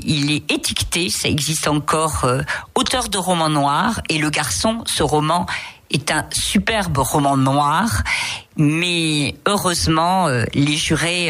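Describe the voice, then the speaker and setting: This is a woman with a notably low voice presenting a radio book column. She recommends novels with warm enthusiasm, often stopping mid-sentence with hesitant filler sounds as she searches for words. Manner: hesitant, many filler pauses. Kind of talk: radio book review chat.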